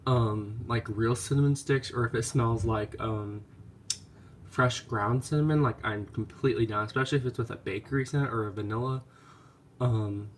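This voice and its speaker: A mid-range male voice at a moderate pace, with some hiss or hum in the recording, belongs to a candle vlogger filming a haul at home. Stuffy and nasal from clogged sinuses, he chats casually, hesitating and rambling through many ums.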